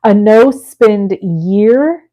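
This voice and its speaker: Chatty forties woman, mid-pitched, casual live crafting host talking to her viewers. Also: expressive, extremely slow, warm tone, slight background noise. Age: 40s. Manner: chatty, thinks aloud and talks to viewers. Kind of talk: casual chat while crafting.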